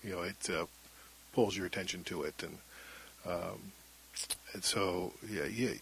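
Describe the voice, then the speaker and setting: A middle-aged man with a thin, husky voice, speaking haltingly and reflectively as he tells his own story in an interview. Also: low-pitched, fairly bright tone, a little hiss or hum, rough recording. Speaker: interview guest, former radio broadcaster. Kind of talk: candid personal interview.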